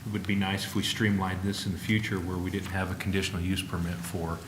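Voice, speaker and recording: A man speaks formally at a public meeting in a flat, fairly low voice. His delivery is halting. The room rings with clear echo around him. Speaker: planning commission member. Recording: echoey room, faint background noise.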